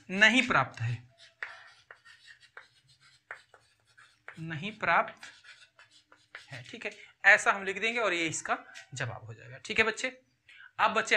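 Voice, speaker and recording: A man walks students through a school maths exercise, with a very bright, sharp edge to his voice. He goes slowly, repeats key phrases and keeps checking in with a quick "okay". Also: high voice. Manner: addresses students as children, repeats and checks with "theek hai". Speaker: maths teacher. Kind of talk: classroom-style maths lesson.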